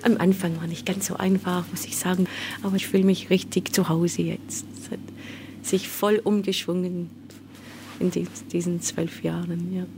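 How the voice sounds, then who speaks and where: A woman in her forties from England, a native English speaker, talks about her life in a relaxed way. A laugh runs through her voice. A little background noise sits under her words. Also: fairly low pitch, moderate pace. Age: 40s. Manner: laughs often while talking. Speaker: interviewee. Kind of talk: casual interview.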